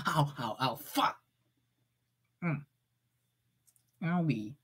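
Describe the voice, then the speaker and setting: On her livestream, a woman voice actor speaks very slowly in a low, slightly rough, somewhat bright voice with lively intonation. She keeps it casual and jokey, swearing a lot and dropping into silly voices.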